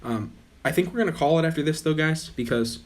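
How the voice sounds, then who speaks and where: A young man with a fairly high, slightly quick voice hosts his gaming channel, chatting casually over gameplay as his voice gives out. He rambles in a relaxed way and keeps stopping to correct himself.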